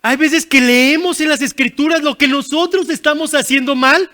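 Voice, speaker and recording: A man delivering a sermon in a very high voice with a bright, forceful edge. He preaches earnestly, repeating his pleas over and over, and now and then pokes fun at himself. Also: normal speed. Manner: earnest, repetitive pleading cadence. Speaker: guest pastor.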